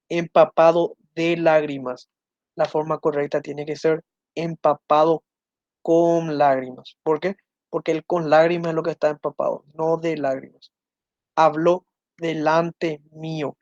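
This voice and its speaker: A man teaching an online grammar lesson. He slows down to read out correct and incorrect phrases and keeps asking his listeners whether they follow. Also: on the high side, a little mellow, dry recording, muffled recording. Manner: often checks in with listeners, asking ¿verdad?.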